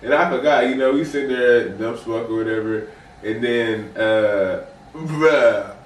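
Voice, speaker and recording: A man's voice: medium pitch, a little slow, far from the mic. A young man in his twenties, co-hosting a podcast, telling long slangy stories in casual chat. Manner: rambling storyteller, slangy, acts out quotes. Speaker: podcast co-host. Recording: roomy sound, off-mic, faint noise.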